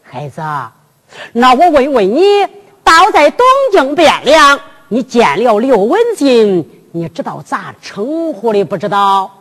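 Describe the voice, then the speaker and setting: Scheming old father as a woman puts him on, Henan accent, slow drawn-out speech, lively pitch swings, long hall echo with music. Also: full character voice. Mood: scheming, instructing. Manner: drawn-out, deep, deliberate elder's speech.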